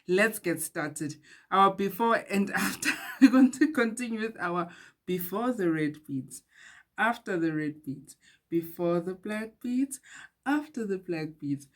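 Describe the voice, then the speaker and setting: A woman hosting a casual beadwork tutorial, chatty and laughing at herself now and then. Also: on the low side. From Eswatini. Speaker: beading tutorial host.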